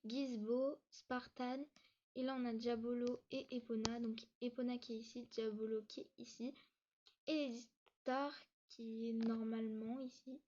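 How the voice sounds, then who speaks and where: A woman giving a casual tour of her game world, talking quickly with lots of hesitations and restarts, sometimes short of breath. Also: a little high, flat delivery, mellow, lo-fi sound, slight background noise. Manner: hesitant, many fillers and restarts; talks fast, says she struggles to catch her breath. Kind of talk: casual gameplay tour narration.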